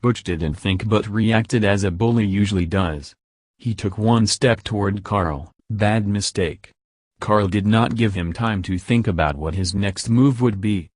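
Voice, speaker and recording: A man reading an audiobook in a steady, measured narration, recorded close to the mic. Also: on the low side, no room sound.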